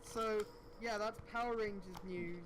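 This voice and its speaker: A man's voice: sits high, fairly even intonation, a little slow, a loud crowd. A man co-hosting a casual podcast chat, rambling with lots of fillers and swearing. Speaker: podcast co-host. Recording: noisy amateur podcast audio.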